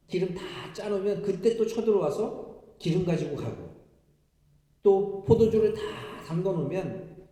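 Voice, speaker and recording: A man's voice: sits high, mellow. Man preaching in an echoing church. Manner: emotive preaching, voicing prayers and addressing the congregation. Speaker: pastor. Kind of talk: Sunday sermon. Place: church sanctuary. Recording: echoey church hall with long reverb.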